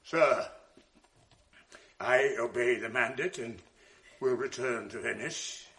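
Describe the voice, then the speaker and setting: An actor playing Othello, a jealous, tormented general, in a 1980s radio drama, moving between hushed brooding and raging outbursts. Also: male voice, medium pitch, takes it slowly. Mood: raging, bitter. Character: jealous, tormented male general, middle-aged.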